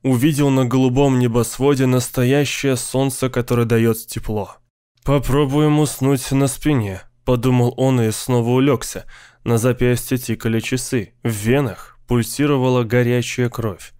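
A man's voice: medium pitch, level tone, normal speed, darkish tone, clear, resonant tone, dry recording, clean studio sound. A man narrating an audiobook, reading dramatically and acting out a character's frightened cries. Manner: acts out the character's cries with rising intensity.

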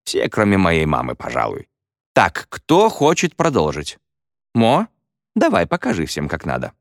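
A good-humored schoolteacher, as a man reads him, wry and teasing with his pupils. The voice is low, but it moves freely and lively, dry and close with no room around it. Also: unhurried, dry recording, full character voice. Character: good-humored male schoolteacher, joking with class. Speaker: teacher.

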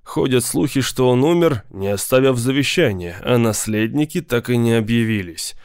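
A man voicing a big, menacing lawyer who speaks slowly and with cool politeness. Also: medium pitch, lively intonation, a little mellow, clean tone, dry recording, clean studio sound, close to an everyday voice. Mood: explaining. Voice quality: slow, measured, coolly polite. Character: big cold male mobster lawyer, menacing, patient.

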